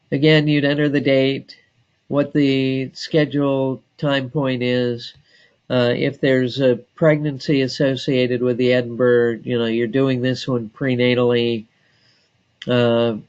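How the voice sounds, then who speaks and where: A man training staff on database software, talking slowly and deliberately with frequent filler pauses. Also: medium pitch, clear, resonant tone, lo-fi sound. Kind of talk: screen-share software tutorial.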